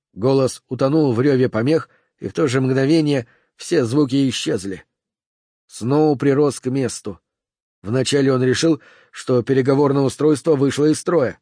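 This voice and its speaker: A man narrating an audiobook with measured, tense storytelling. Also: medium pitch, mellow, no room sound, studio quality. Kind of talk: scripted narration.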